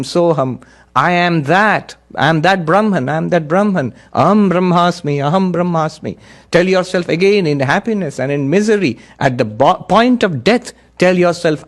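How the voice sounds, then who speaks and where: A man, a monk, giving an earnest spiritual discourse, telling parables in an unhurried, emphatic way. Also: on the high side.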